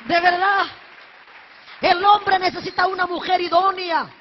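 A woman evangelist preaching a sermon with fervor, often shouting her exhortations and mixing in humorous asides. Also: very high-pitched, level tone, measured pace, some chatter behind, slight background noise. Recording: echoey hall, dull lo-fi sound.

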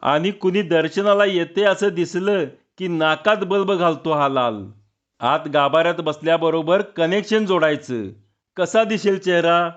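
A man's voice: on the high side, unhurried, dull audio, lightly acted. A man voicing a mischievous young male prankster friend in a storybook reading, with a sly, teasing manner.

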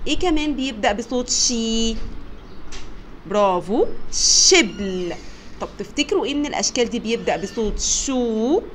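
A woman's voice: fairly high pitch, lively intonation, slight background noise. Encouraging Egyptian woman teaching children. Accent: Egyptian Arabic. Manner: encouraging, stretches sounds slowly and loudly for children. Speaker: kindergarten teacher. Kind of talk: teaching letters to young children.

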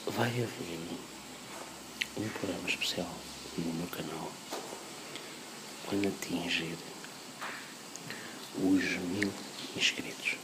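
A man in his thirties with a European Portuguese accent, whispering softly into a phone held close while he vlogs indoors at a mosque. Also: sits low, fairly even intonation, takes it slowly, pauses often, heavy background noise. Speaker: vlogger. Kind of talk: casual vlog.

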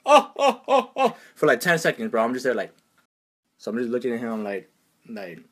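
A young male vlogger with a medium-pitched, slightly rough voice tells everyday stories at a fairly quick pace in a casual, exasperated rant full of slang. He acts out other people's lines in a raised voice.

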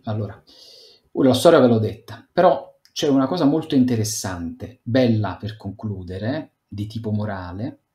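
Guy doing a bible talk on a video call, lowish voice, reads scripture then chats about it, echoey room. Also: a little mellow. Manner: retells scripture as a story, mixing read passages with loose commentary and fillers. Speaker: Bible teacher for a youth group. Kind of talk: Bible talk given over a video conference.

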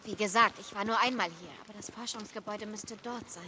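A woman's voice: medium pitch, quick pace, close to an everyday voice. A woman playing a cautious, practical survivor in a zombie-wasteland video game. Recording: game noise over the voice. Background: game ambience.

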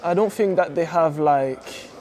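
A man's voice: on the high side, unhurried. A young man from France whose first language is French, talking casually in an interview with lots of yeahs, recorded on a lapel mic in an indoor training hall. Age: young adult. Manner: relaxed, many fillers and repeated yeahs. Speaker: footballer guest. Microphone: clip-on lapel mic.

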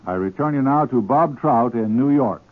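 A male correspondent delivering a wartime report in a formal, steady manner, heard on an old 1940s radio broadcast. The sound is thin and tinny like an archive newsreel, his voice in a mid pitch range. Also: moderate pace.

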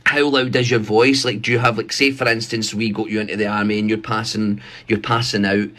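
This prank caller, a man in his thirties, pretends to be an army recruiter in a rambling, mock-official way, recording on his phone in a small, bright bedroom. He talks a little fast in a fairly low, flat-pitched voice with a bright, forceful tone.

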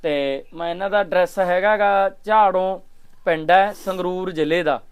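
A young charity vlogger from Punjab, India, records a vlog appeal outdoors at a village home, holding a mic and pleading repeatedly on camera for a poor family. He keeps asking viewers to share and help. His voice is high-pitched and clean, at a moderate pace.

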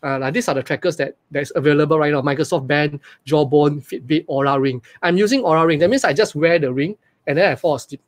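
A man in his forties with a Malaysian English accent, speaking into a webcam from a small room during a live webinar. His voice sits high and he talks quickly. He is energetic and repeats himself, often putting questions to his viewers. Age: 40s. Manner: energetic, repetitive, asks the audience questions. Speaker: online business coach. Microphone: webcam on a video call.

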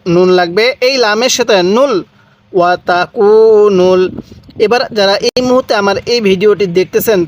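A man with a Bangladeshi Bengali accent teaching Quran pronunciation, slowly spelling out and repeating each syllable for learners. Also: high-pitched. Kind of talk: slow step-by-step pronunciation lesson.

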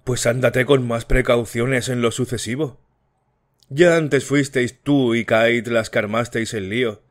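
A curt, irritated husband who cuts his wife short, as the narrator acts him out. Sharp and firm, close to the reader's own voice. An audiobook scene. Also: medium pitch, steady tone, a little slow, lightly acted. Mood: scolding. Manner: brusque, scolding.

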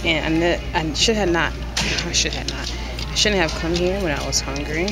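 A woman's voice: deep voice, normal speed, over loud music. A woman chatting casually in a vlog, rambling and laughing often as she talks. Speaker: vlogger. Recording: loud background noise.

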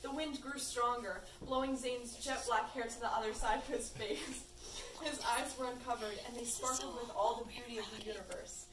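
A woman's voice: fairly high pitch, fairly even intonation, normal speed. A teenage girl reading fan fiction aloud in a playful way, hamming up the quoted lines. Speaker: fanfiction reader. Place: room at a birthday party. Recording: echoey room, far from the mic, faint noise.

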